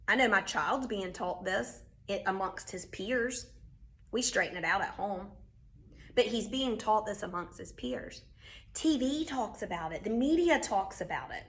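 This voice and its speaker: A woman's voice: mid-range voice, fairly bright tone. Emphatic woman teaching a class. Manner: direct, emphatic, repeats key points. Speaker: real estate instructor. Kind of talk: recorded lecture.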